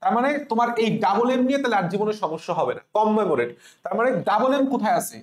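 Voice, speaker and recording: A man's voice: high voice, big pitch swings, quick pace. A man teaching an exam prep spelling lesson, spelling words letter by letter and having students repeat after him. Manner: repetitive, drills letters, asks students to repeat. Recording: roomy echo.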